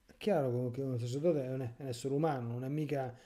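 Dark-voiced impassioned priest. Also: male voice, medium pitch, steady tone, quick pace. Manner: impassioned, rhetorical, sarcastic asides. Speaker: priest giving catechesis. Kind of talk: catechesis sermon.

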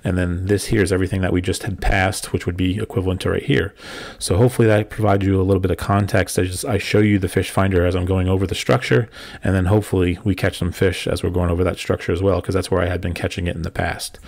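A man giving a step-by-step voice-over tutorial, explaining calmly with frequent ums. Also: deep voice, fast, gravelly, no room sound. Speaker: kayak fishing vlogger.

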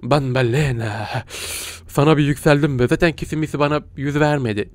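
Excitable joking man gaming. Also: fairly high pitch, quick pace, smooth, dry recording. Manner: joking, excitable, bursts into laughter and silly noises. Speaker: gaming YouTuber. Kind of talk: let's play commentary.

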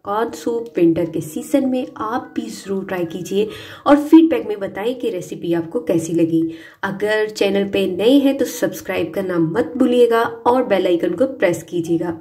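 Woman narrating a recipe over soft music. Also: medium pitch, moderate pace. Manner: steady instructional narration. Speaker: cooking channel host.

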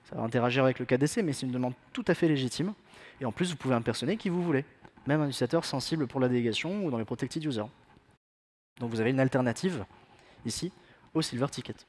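A man's voice: medium pitch, fast, darkish tone. A man giving a technical conference talk in a self-mocking, joking way, with many fillers. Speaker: conference speaker.

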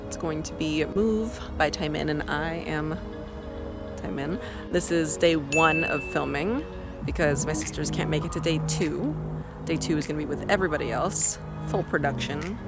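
Excitable young woman vlogging over loud music. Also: deep voice, moderate pace. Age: young adult. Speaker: vlogger and dance cover director. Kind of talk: casual chatty vlog. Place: mostly outdoors in yards, streets and plazas. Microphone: phone at arm's length. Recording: phone vlog with loud music behind.

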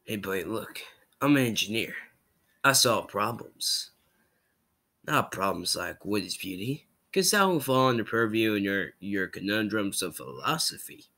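A man's voice: fairly low pitch, big pitch swings, measured pace, pushed and bright, pitched below the performer's own voice, full character voice. A man voicing a cocky, practical Southern mechanic engineer with a Southern US accent. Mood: drawling, smug.

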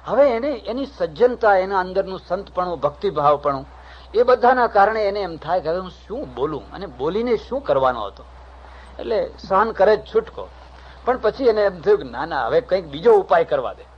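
Male swami telling humorous stories in a discourse; husky, a bit high, lo-fi tape. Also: moderate pace. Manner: lively storytelling, acts out characters' voices. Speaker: swami giving a spiritual discourse. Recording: dull lo-fi cassette recording.

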